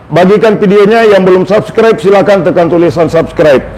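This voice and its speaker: A man's voice: sits high, a little fast, a little mellow, low-quality recording. Man coaching a patient. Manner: coaching and instructing step by step, calls out words to repeat. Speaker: massage therapist demonstrating on a patient. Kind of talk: instructional demonstration video.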